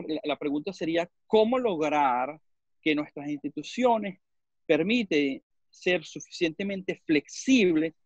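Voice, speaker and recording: Taking part in a webinar panel over a video call, a man from Venezuela speaks with a Venezuelan Spanish accent in a slightly high voice. The recording is dry and muffled, and he halts often, searching for words and repeating himself a lot.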